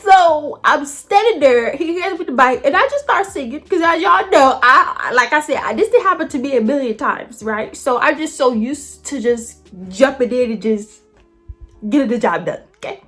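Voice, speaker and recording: A woman vlogger telling a story straight to her viewers in an animated, colloquial way. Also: high-pitched, normal speed, soft background music. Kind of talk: casual storytelling to camera.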